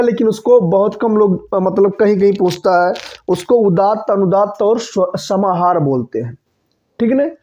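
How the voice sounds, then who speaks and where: A man's voice: high voice, mellow. A man teaching an exam-prep grammar lesson who keeps checking in with his listeners and asks questions he then answers himself. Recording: dull lo-fi sound.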